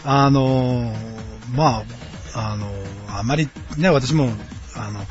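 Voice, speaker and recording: A man's voice: mid-range voice, slow. A man in his late thirties from Osaka, hosting his own podcast in a friendly, rambling way with many hesitant fillers. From Osaka, Japan. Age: late 30s. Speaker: podcast host. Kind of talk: casual solo podcast chat. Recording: dull lo-fi sound with faint background music. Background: quiet background music.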